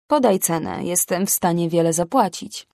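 A woman voicing an insistent male club customer who pleads softly and keeps pushing. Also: lowish voice, lively intonation, normal speed, gravelly, dry recording, studio quality. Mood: pleading. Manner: soft, persistent pleading.

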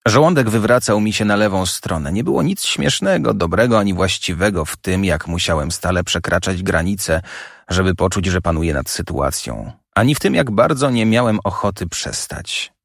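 A man's voice: deep voice, expressive, normal speed, vocal fry, no room sound, clean studio sound. A man giving an intense, dramatic first-person audiobook narration.

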